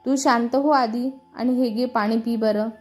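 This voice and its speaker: A woman voicing a kind young woman friend who calms and advises her colleague. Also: on the high side, unhurried, faint music behind, natural voice. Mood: soothing. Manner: calming, friendly advice.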